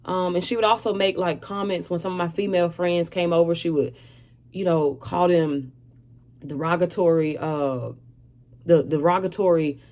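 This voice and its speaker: This is a woman in her thirties with a somewhat low-pitched voice, sharing a personal testimony in a vlog. She talks frankly and earnestly, often hesitating with fillers as she works through her memories. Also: steady tone, normal speed, darkish tone. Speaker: vlogger sharing her story. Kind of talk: candid personal testimony to camera.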